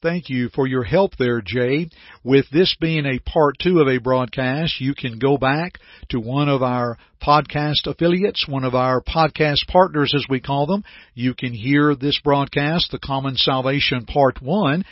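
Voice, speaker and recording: A man giving scripted Bible teaching as a radio preacher, in an earnest, formal, measured delivery. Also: mid-range voice, no echo, dull audio.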